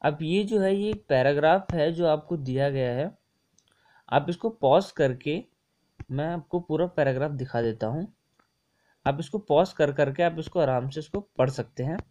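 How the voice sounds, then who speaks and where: Brief: young male test-prep tutor, slightly high voice, chatty and repetitive, peppers explanations with English words. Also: normal speed, warm tone. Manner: chatty and repetitive, mixing English words into Hindi, often saying ठीक है. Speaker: exam coaching tutor. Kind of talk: casual screen-share lesson explaining test answers.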